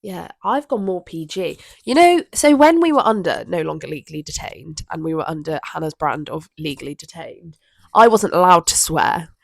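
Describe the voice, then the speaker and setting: A woman's voice: fairly low pitch, expressive, normal speed, creaky, no room sound. Giggly young Southern English woman. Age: 20s. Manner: giggly, rambling, easily sidetracked. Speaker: podcast co-host. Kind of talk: casual chat. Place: room with an open window.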